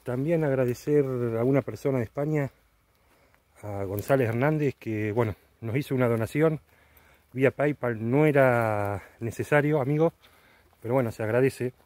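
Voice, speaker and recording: A man's voice: medium pitch, normal speed, a little mellow, dry recording. A middle-aged man with an Argentine accent, chatting casually as he hosts an outdoor night exploration vlog.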